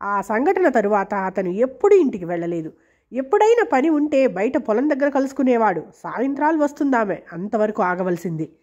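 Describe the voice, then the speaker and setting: A woman reading a novel aloud in a steady, measured storytelling manner. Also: a little high. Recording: dull lo-fi recording.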